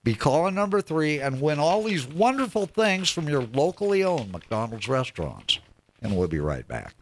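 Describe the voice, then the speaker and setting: A man's voice: on the high side, sing-song, normal speed. A man hosting a radio talk show, doing a casual, folksy radio contest promo.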